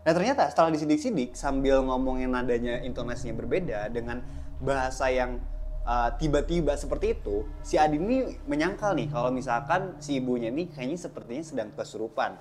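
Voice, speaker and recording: A man's voice: medium pitch, a little fast, background noise. A man telling a horror story in a casual, chatty way, addressing his listeners directly.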